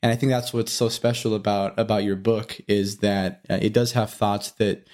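A man's voice: on the low side, steady tone, moderate pace, darkish tone. A male podcast host asking questions casually, often repeating words as he restarts his sentences. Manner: stammering repeats, friendly questions. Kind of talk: casual interview.

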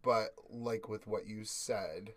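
A man's voice: fairly low pitch, fairly even intonation, takes it slowly, a bit bright. A man with a stuffed-up nose, talking casually and playfully as a podcast co-host and laughing often. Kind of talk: casual chat.

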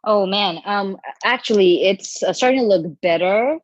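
A woman's voice: mid-range voice, normal speed, no room sound, muffled recording. A woman from Bangladesh, an actor guest, chatting casually and self-deprecatingly with lots of fillers. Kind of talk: casual interview chat.

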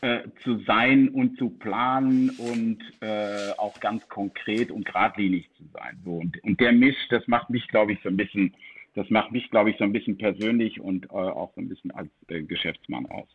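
A man's voice: lowish voice, normal speed, husky. A middle-aged man who grew up in the Netherlands with German parents, a podcast guest talking casually with many restarts and fillers. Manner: hesitant, lots of restarts and fillers. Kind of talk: casual interview chat. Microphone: Apple AirPods over an internet call. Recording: tinny phone-like call audio.

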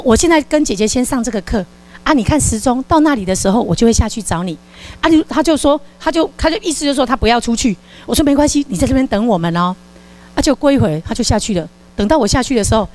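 A woman giving a live parenting lecture and acting out a scolding parent with a volunteer. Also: high voice. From Taiwan. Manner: lively, acts out scolding parent lines. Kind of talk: live lecture with stage role-play.

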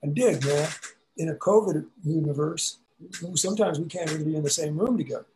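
A man's voice: fairly high pitch, a little fast, warm tone, a little hiss or hum, poor audio. A man talking as a podcast guest in a laid-back, casual way, sprinkling in "dig, man" and "you know.".

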